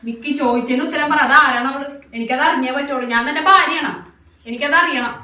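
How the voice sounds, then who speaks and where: A wronged young wife, played by a woman, who demands answers in a heated, accusing voice. Her tone is high and bright. The sound is roomy and distant. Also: steady tone, fast talker. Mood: angry. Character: angry young wife confronting a cheating husband. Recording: echoey room, voice off-mic.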